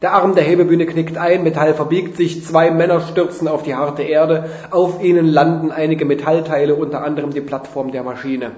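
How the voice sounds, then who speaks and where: A man's voice: a little high, flat delivery, moderate pace, hardly any pauses, a little mellow. A man reading a funny first-person story aloud in a dry, mock-dramatic way. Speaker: reader of a humorous story. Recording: roomy, dull lo-fi sound.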